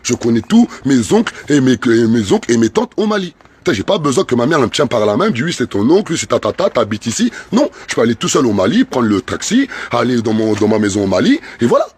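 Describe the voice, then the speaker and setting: French man, activist, rapid fervent speech, husky voice, punchy repeated lines. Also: medium pitch, big pitch swings, darkish tone. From France. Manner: fervent, repetitive, rising emphatic bursts. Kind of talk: impassioned political speech.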